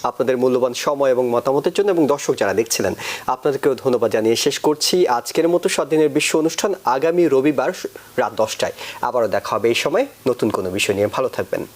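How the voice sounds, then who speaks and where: A man hosting a political talk show, putting long, measured framing questions to his guests. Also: medium pitch, lively intonation, slight background noise.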